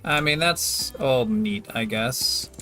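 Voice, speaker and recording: A man giving casual game commentary, thinking aloud and reading menus in a low-key way. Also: sing-song, slow pace, pushed and bright. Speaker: gamer. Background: game music with plucked guitar.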